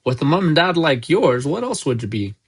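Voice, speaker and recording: Storybook giant: gruff, folksy, blustering, kindly , man reading. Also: fairly high pitch, sing-song, a little fast, voice pushed up, heavily acted. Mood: gruff, exasperated. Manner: loud blustering outbursts, folksy speech.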